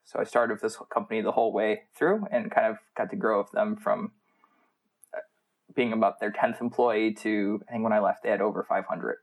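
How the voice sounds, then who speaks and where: An American MBA student, appearing as a podcast guest, answers interview questions casually and conversationally. His voice sits on the low side with a steady tone, and he talks fairly quickly.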